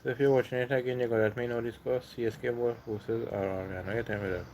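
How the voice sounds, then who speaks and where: A man with a Trinidadian accent, from Trinidad and Tobago, hosting a casual livestream chat in a relaxed way and reading out viewers' comments. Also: medium pitch, quick pace, a little hiss or hum. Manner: relaxed, reads comments aloud. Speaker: livestream host.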